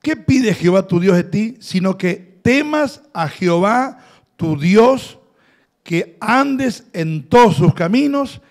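Male pastor, high gravelly voice, emphatic call-and-response preaching. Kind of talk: sermon.

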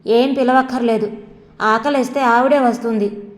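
A woman's voice: fairly high pitch, fairly even intonation, moderate pace, natural voice. Woman voicing a scornful young husband. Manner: scornful, complaining. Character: angry young husband, resentful and sulky. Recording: long reverb.

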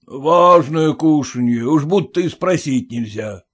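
A man's voice: a little high, animated, unhurried, fairly bright tone. A man reading an audiobook, voicing a rude, prying merchant landlord who bullies his tenants. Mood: blustering.

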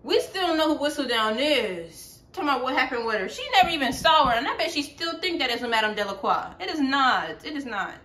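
A woman hosting a reaction video, chatty and exclaiming, quick to laugh at what she watches. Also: high-pitched, animated, pushed and bright. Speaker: video host reacting to a series. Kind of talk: casual reaction commentary.

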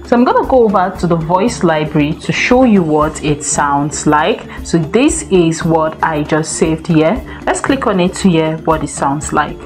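A woman hosting a software tutorial, explaining each step in a steady, instructive way. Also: sits low, unhurried, few pauses, soft background music. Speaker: tech tutorial host. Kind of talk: screen-recorded software tutorial.

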